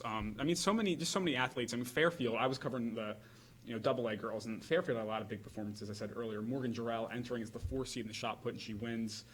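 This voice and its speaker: A male sports reporter on a local radio show, rattling off results at a quick clip. His talk is casual and loose, full of fillers. The pitch is mid-range for a man. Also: fairly bright tone, a little hiss or hum, rough recording. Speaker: high school sports reporter. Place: radio studio.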